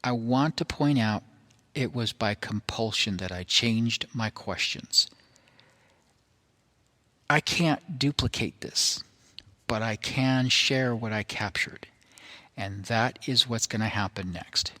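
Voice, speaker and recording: A man presenting a recording in an explanatory monologue, phrasing things carefully and haltingly, in short deliberate pieces. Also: mid-range voice, sharp tone.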